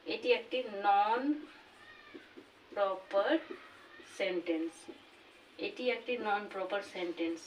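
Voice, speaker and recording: A woman teaching a grammar lesson, slowly repeating each example word. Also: fairly high pitch, slight background noise. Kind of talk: classroom lesson. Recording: voice from far off the mic.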